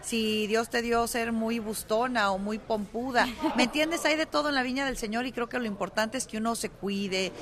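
A woman reporting entertainment news on a radio show, talking in a lively, chatty, upbeat way. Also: a little high, moderate pace, hardly any pauses, a crowd in the background. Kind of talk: radio celebrity news chat.

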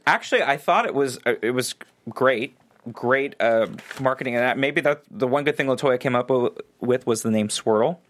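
Laid back guy on a podcast, mid pitch, dry sound, hedges a lot. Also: normal speed, fairly bright tone, no room sound. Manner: easygoing, hedging, laughs often. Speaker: podcast co-host. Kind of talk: casual chat.

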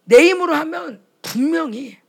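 Brief: high-pitched woman with a gravelly edge, fervent preacher who slips into acted-out exchanges. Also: lively intonation, measured pace. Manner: impassioned, acts out quoted dialogues. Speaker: speaker at a retreat for pastors' wives. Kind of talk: sermon.

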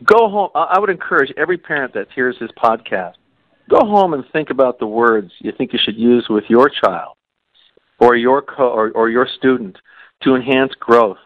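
A man on a podcast speaks earnestly and leans on repetition, saying key phrases again and again. His voice sits at an ordinary middle pitch. It is recorded dry and close with a slightly dull tone. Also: normal speed, no echo. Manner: earnest, repeats phrases for emphasis. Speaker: podcast co-host. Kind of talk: podcast conversation.

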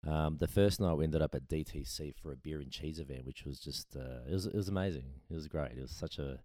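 A man with an Australian accent and a very deep, mellow voice. He chats as an enthusiastic podcast guest, telling casual stories in a dry-sounding space. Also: fast, no room sound. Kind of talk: casual chat, anecdotes. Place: at a kitchen table indoors.

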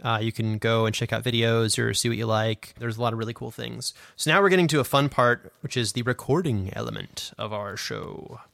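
A podcast host and audio drama producer talks close on a condenser studio mic, his medium-pitched voice fairly quick, a bit bright, with vocal fry and hardly any pauses. He explains things casually, enthusiastically and self-deprecatingly, and the recording has no room sound.

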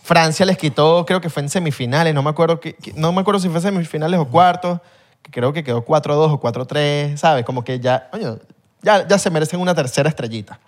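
A man's voice: on the high side, fairly quick. Slangy man chatting loosely. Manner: rambling, self-correcting, slangy. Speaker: podcast co-host. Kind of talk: casual chat.

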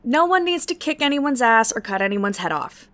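A woman's voice: on the high side, sing-song, moderate pace, a bit bright. A woman in comedic dialogue, playful and breezy.

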